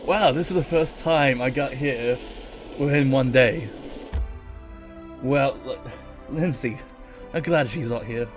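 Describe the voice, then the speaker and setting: A man's voice: mid-range voice, slow, long pauses. A man with a British-sounding accent giving casual commentary while playing a video game. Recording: music behind the voice. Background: game music.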